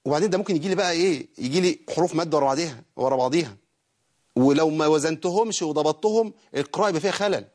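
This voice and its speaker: A man with an Egyptian Arabic accent teaching Quran recitation on a program. He poses rhetorical questions, then answers them himself, and slowly stretches out words to show how they should be recited. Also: on the high side, darkish tone. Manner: slowly draws out words to model correct recitation. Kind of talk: televised Quran recitation lesson.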